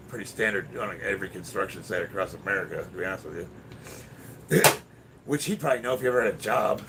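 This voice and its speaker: A man with a raspy, smoker-like voice chatting casually and bluntly on a livestream about his workout, swearing and bantering with commenters. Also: lowish voice. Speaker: livestreamer lifting weights. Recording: distant mic with loud background noise.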